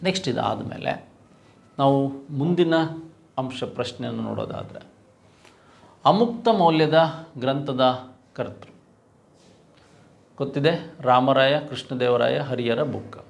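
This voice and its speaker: Here the Karnataka Kannada-accented coach sounds creaky and unhurried at a medium pitch, leaving long pauses. He lectures through quiz questions in a didactic manner, repeating the main points and posing rhetorical questions.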